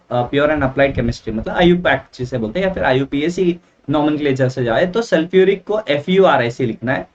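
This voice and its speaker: A man's voice: fairly high pitch, a little hiss or hum. A man teaching a chemistry lesson at a board, chatty and mixing in English phrases, often checking in with "okay, right?". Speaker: science teacher. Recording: dull, from a distance.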